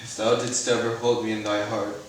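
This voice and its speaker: An actor playing a poisoned prince in a Shakespeare tragedy, bleeding out, coughing and gasping in halting, broken phrases. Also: male voice, on the low side, level tone, lightly acted. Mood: desperate, pleading. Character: dying poisoned Danish prince, anguished and urgent. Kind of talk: classical Shakespeare stage acting. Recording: echoey room, far from mic, noisy.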